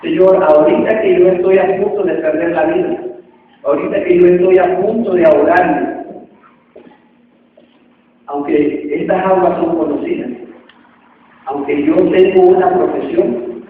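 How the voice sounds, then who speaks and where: A man's voice: high voice, fairly even intonation, a little slow, pauses often, slight background noise. Casting: preacher acting as a drowning fisherman begging to be saved, raised voice, tinny far-off hall sound. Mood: desperate pleading. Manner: pleading, repetitive cries. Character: desperate drowning fisherman crying out to God.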